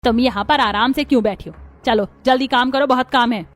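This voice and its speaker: A woman's voice: a little high, a little fast, a little hiss or hum, natural voice. A woman voicing a stern, bossy mother-in-law in a cartoon story, scolding and commanding. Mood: angry.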